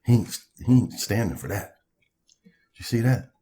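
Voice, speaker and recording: A middle-aged Southern US man with a deep, rough-edged voice talks over a meal of fried chicken. His delivery is folksy and colloquial, like a dad chatting casually on a family vlog while he eats. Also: animated, moderate pace, dark tone. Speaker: father co-hosting a family mukbang vlog.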